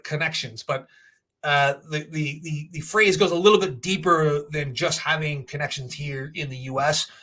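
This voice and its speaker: A man's voice: on the high side, bright, forceful tone. A man hosting a casual livestream, giving opinionated, rambling off-the-cuff commentary and often checking in with a tag question. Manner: opinionated, rambling, often tagging points with "right?". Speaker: host of a financial Q&A livestream.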